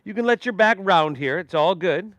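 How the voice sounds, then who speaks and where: Guy teaching yoga class, smooth clean voice, dry sound, chill and encouraging, talks you through breathing. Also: high-pitched, animated, moderate pace, fairly bright tone, no echo, muffled recording. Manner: encouraging, easygoing, addresses the class informally. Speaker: yoga instructor. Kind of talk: guided yoga class instruction.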